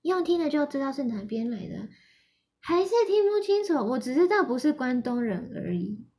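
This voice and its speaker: Young woman, Japanese native, high voice, livestream chat, giggly, slow and easy. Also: sing-song, darkish tone. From Yamanashi, Japan. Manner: mixes Mandarin and Japanese, giggly, reads viewer comments aloud. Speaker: idol livestream host.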